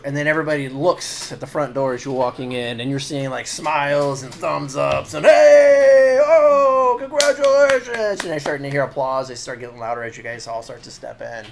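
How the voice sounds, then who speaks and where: A man narrating a tabletop game as dungeon master, halting and full of fillers. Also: medium pitch, steady tone, a bit bright. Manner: halting, many fillers and restarts.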